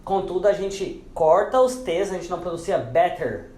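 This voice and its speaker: Patiently explaining one rule at a time, a man teaches English pronunciation and says the example words several times, dropping lower for each. He speaks at normal speed with fairly even intonation and a darkish tone in a roomy-sounding space.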